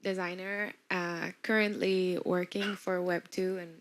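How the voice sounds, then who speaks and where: A woman's voice: on the low side, little pitch movement, a little slow. A woman who is a designer introducing herself at a workshop, sounding eager. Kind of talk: self-introduction.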